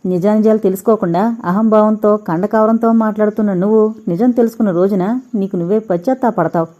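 A woman's voice: medium pitch, fast, dark tone, lightly acted. A woman voicing a proud, wealthy young man who is barely holding back his anger, read in an audiobook with a dull, lo-fi sound. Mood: furious. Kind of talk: audiobook character reading. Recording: dull lo-fi recording.

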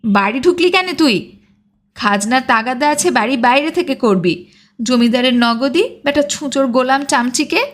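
A woman's voice: high voice, moderate pace, close to an everyday voice. A woman voicing a proud, hot-tempered village blacksmith who scolds indignantly in a storybook reading. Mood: angry.

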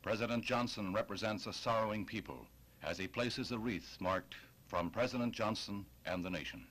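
A man's voice: on the low side, a bit bright, breathy edge. Solemn old newsreel narrator, man. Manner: solemn, measured, declamatory. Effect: old 1960s newsreel sound. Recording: old newsreel track with music. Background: music.

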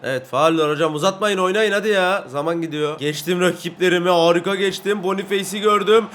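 Guy yelling at his teammates while playing a football game, kinda high voice. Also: brisk. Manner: excitable, shouts and grumbles at teammates. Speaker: gaming YouTuber. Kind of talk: live commentary over a football video game.

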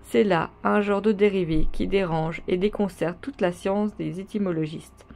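A woman reading a classic novel aloud in a steady, plain storybook reading. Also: medium pitch, normal speed, vocal fry. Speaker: reader.

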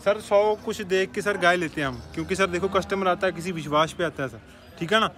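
Cattle dealer, man, high voice, rapid pitch, insistent, says sir constantly, outdoor market. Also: fairly bright tone, faint music behind.

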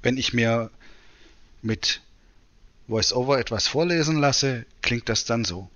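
Guy explaining stuff in a tutorial, mid pitch, kinda muffled recording. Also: slow pace, a bit bright. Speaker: presenter demonstrating screen reader. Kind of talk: tutorial narration.

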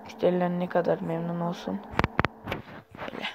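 A man's voice: sits high, monotone, a little fast, creaky, muffled recording, very noisy. A young man giving casual, rambling gameplay commentary while sleepy, with sudden startled outbursts. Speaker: gaming YouTuber.

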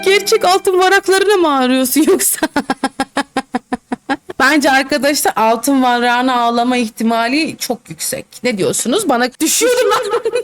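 A woman commenting on a roleplay game, teasing the players, laughing often and talking to her viewers. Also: sits high. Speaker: Roblox roleplay streamer. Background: background music.

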